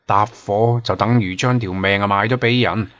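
A man voicing a weary, seasoned older man who consoles with resigned calm. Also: on the low side, normal speed, lightly acted.

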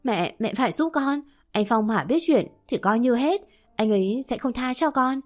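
A woman's voice: fairly high pitch, lively intonation, moderate pace, a little mellow, lightly acted. A woman voicing a spoiled young daughter, pleading and near tears.

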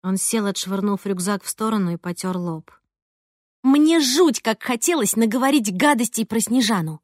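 A woman narrating a first-person audiobook in an expressive, lively way. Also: mid-range voice, moderate pace, no room sound, clean studio sound. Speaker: audiobook reader.

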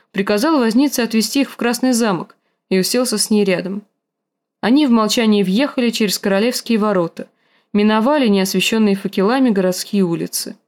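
A woman reading an audiobook, narrating in a steady, measured storytelling voice. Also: mid-range voice. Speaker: audiobook reader. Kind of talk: scripted narration.

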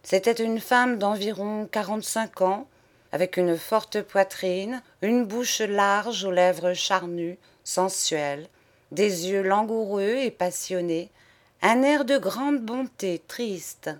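Woman audiobook reader, slow pace, measured, expressive, mid pitch. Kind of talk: scripted narration of a classic novel.

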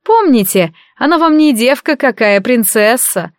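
Woman doing a proud older queen, high emphatic voice, commanding, storybook, dry. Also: lively intonation, measured pace, no room sound. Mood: stern.

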